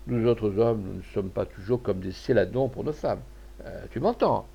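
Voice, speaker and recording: A man doing a gruff shrewd old merchant. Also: lowish voice, expressive, normal speed, muffled recording, full character voice. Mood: stern. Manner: loud, blustering and emphatic. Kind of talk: audiobook character voice.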